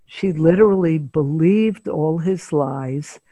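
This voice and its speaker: An older woman, a psychotherapist, telling a patient's story in an interview, measured and pausing often to gather her thoughts. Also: low-pitched, dark tone, slightly rough, no echo. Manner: measured, pauses often with filler sounds. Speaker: psychotherapist guest.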